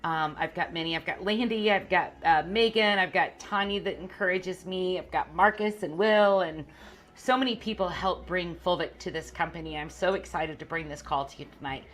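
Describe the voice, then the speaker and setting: A woman with a low voice hosts an evening group call as a wellness coach. She introduces her guests with eager, effusive praise. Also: moderate pace, a bit bright.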